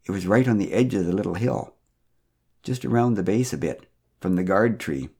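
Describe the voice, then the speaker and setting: A man tells a story for his podcast in a gentle, wry way. His voice is slightly husky, and his pitch moves in a lively way. He has a dry, easy delivery. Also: normal speed.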